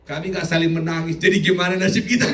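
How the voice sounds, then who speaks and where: A middle-aged man preaching a sermon as a pastor, animated, sometimes shouting and often laughing. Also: on the high side, quick pace, a little hiss or hum. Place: church hall. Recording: echoey church hall, mic from a distance.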